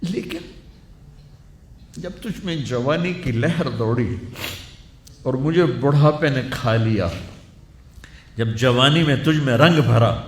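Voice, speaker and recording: A man delivering an emotional sermon in an impassioned, rhetorical way, tearful as he speaks. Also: medium pitch. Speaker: preacher. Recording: echoey room, faint ambient noise.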